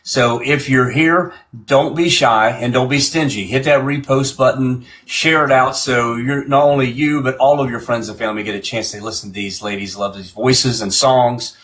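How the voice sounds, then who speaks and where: A man's voice: medium pitch, fairly even intonation, normal speed, few pauses, a bit bright. A man hosting a live-stream music show in a casual, chatty way, often repeating and restarting his phrases.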